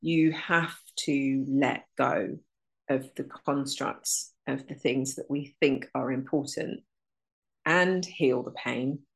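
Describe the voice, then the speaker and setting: As an interview guest, a woman in her 30s who teaches energy alignment speaks in a very deep, gravelly voice with a breathy edge and fairly even intonation. Her reflective talk is earnest and unhurried, with things listed in runs.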